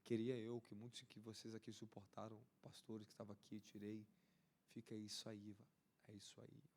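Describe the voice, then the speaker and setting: Here the apostle's voice is lowish and his pace brisk; he speaks with a Brazilian Portuguese accent. The charismatic sermon is fervent and repetitive, building up to bursts of excitement.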